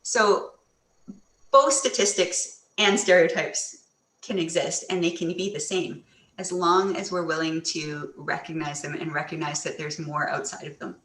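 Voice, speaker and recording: A woman in her forties, a children's author, telling stories and answering questions with lively acted-out quotes. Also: sits low, unhurried, a little hiss or hum. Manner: animated storytelling, acts out quoted voices. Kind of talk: book presentation and Q&A. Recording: echoey room, a little off-mic.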